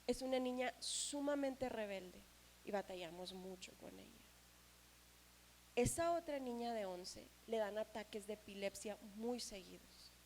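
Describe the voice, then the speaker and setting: A woman voicing a patient female social worker who explains things gently in a low, quiet voice. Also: animated, unhurried, slight background noise, rough recording. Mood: gentle, serious.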